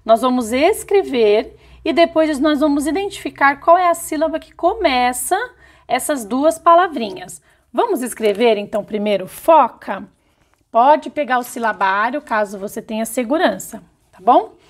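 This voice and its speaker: A woman teaching young children in a recorded video lesson, sounding out words slowly syllable by syllable. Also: sits high, animated. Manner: slow, careful syllable-by-syllable dictation. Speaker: primary school teacher.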